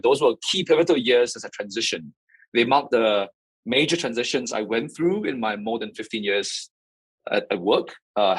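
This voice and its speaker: A man in his forties, a company founder and CEO, answering interview questions in a measured way, with frequent fillers and "right?" tags. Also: medium pitch, slightly rough, poor audio. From Singapore. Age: 40s.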